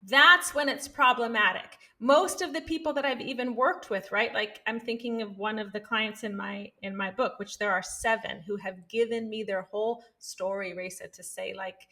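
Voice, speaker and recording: A woman's voice: mid-range voice, moderate pace, few pauses, pushed and bright. A woman psychologist and author, a podcast guest, talking earnestly and animatedly, often checking in with "right?". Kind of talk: conversational interview.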